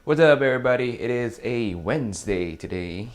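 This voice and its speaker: A man's voice: medium pitch, lively intonation, normal speed, music in the background. A man talking casually and informally to viewers as a vlogger. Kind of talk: casual vlog chat.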